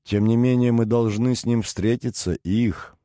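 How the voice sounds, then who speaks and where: A man's voice: medium pitch, steady tone, measured pace, dark tone, dry recording, studio quality, close to an everyday voice. A man voicing a proud, languid aristocrat held in prison, speaking with stoic irony. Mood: ironic. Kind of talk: audiobook character reading.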